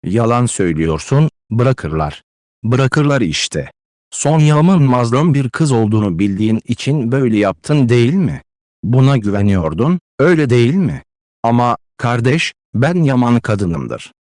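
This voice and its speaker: A man's voice: medium pitch, sing-song, a little slow, a little mellow, no echo. A man voicing a distraught, consumptive widowed mother who pleads and scolds with emotional declamation, in a dry close-miked audiobook read. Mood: defiant.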